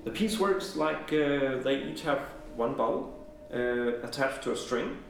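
A composer from Denmark talks through his piece in halting, hesitant speech full of pauses. He is heard from a distance in a strongly echoing room. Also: medium pitch, lively intonation, a little hiss or hum. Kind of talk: casual explanatory interview. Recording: echoey room, mic far off.

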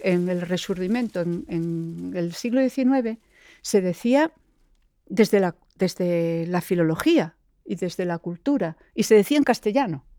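Middle-aged woman, poet; reflective, halting interview talk, mid pitch, close dry recording. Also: mellow, dry recording. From Galicia. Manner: thoughtful, pauses with fillers and restarts.

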